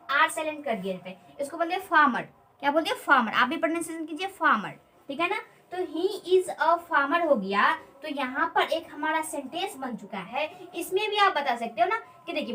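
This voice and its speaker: A woman teaching an English grammar lesson. She explains slowly, repeats key words and keeps asking quick check questions. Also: high voice, a bit bright, far from the mic, slight background noise, poor audio.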